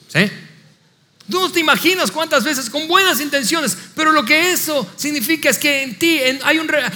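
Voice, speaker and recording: A man with a high voice preaches an animated sermon, voicing doubting listeners in quick asides. His voice carries a long hall reverb. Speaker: pastor.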